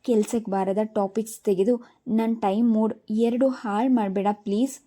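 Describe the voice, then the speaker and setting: Woman reading as a self-absorbed young daughter from a storybook, impatient and dismissive, in a warm, dark voice. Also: on the high side, fairly even intonation, normal speed, natural voice.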